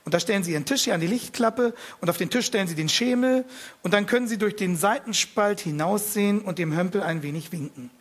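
A man's voice: high-pitched, fast talker. Man doing a kindly policeman. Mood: confiding. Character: kindly middle-aged male prison policeman.

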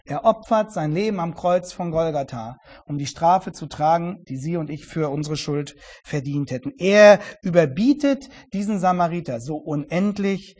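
High-voiced preaching man, earnest. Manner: earnest preaching, swings between emphatic and hushed; repeats words when stressing a point. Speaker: pastor. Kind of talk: sermon.

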